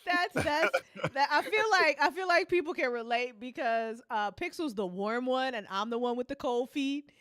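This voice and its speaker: A young adult woman hosting a casual after-show chat, laughing often, swearing and acting out lines in quick bits. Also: sits high, fairly bright tone, no room sound, clean studio sound. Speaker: podcast host and writer.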